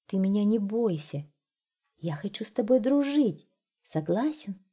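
A woman voicing a soft, lonely fog. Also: medium pitch, big pitch swings, unhurried, slightly rough, pitched above the performer's own voice. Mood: gentle. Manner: soft, plaintive. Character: lonely, gentle fog spirit.

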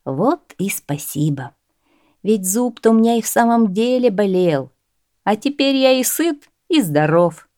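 A woman's voice: mid-range voice, very animated, unhurried, mellow, dry recording, studio quality, pitched above the performer's own voice. A woman voicing a sly, stubborn male peasant in a storybook reading. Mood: triumphant. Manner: stubborn, cunning, cheerfully boastful.

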